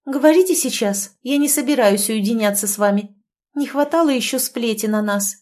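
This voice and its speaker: A woman voicing a proud, quick-tempered young noblewoman who answers in sharp, indignant retorts. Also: fairly high pitch, voice pushed up, close to an everyday voice.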